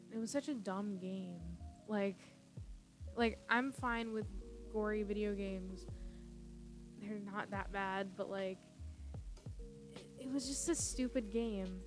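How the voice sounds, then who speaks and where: Giggly young woman rambling on a livestream. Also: medium pitch. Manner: chatty, giggly, many fillers and tangents. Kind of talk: casual rambling storytelling. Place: at home, own room. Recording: livestream with background music. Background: music playing.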